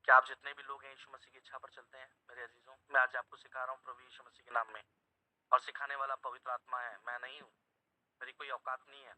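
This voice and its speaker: A man's voice: medium pitch, flat delivery, quick pace, bright, forceful tone, dry recording, rough recording. A man preaching a sermon to an online house church over a video call, emphatic, repeating phrases and quizzing his listeners.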